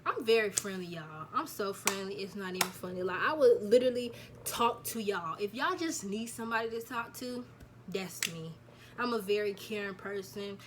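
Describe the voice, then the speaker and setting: A nineteen-year-old woman vlogs casually to the camera, addressing viewers as "y'all" while sharing her news in a storytime chat and repeating herself. Her voice is medium-pitched and moderately paced, with a noisy background.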